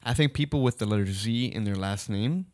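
A young man chatting as a guest on a casual video show, joking in a dry, deadpan way. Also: on the low side, brisk, dry recording. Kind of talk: casual chat.

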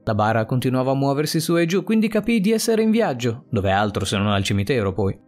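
A man narrating a suspense story in a dramatic, expressive reading. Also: medium pitch, fast talker. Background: faint music.

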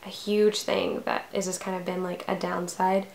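A woman's voice: on the low side, level tone, moderate pace, vocal fry, darkish tone, roomy sound. A woman of twenty-one talking casually to camera in a vlog, rambling with many fillers. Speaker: vlogger.

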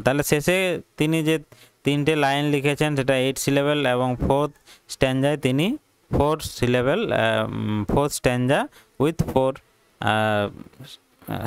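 A man's voice: medium pitch, clear, resonant tone, no echo. Hesitant man giving a poetry lesson. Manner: hesitant, many fillers and self-corrections; mixes English terms into Bengali. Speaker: English teacher.

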